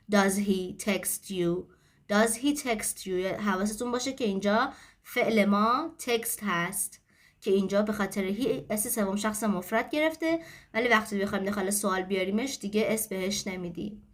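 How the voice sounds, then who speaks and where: A woman teaching English grammar in a steady, explanatory way. Her voice sits at a middle pitch, and she moves between explanations and example sentences. Her tone stays patient and clear throughout.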